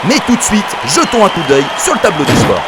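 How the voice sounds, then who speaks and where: A man hosting and commentating on races like a motorsport commentator, excited and dramatic. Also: high voice, a little fast. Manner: excited, dramatic race calling. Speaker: race host and motorsport commentator. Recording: loud music and crowd noise behind. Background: music, crowd.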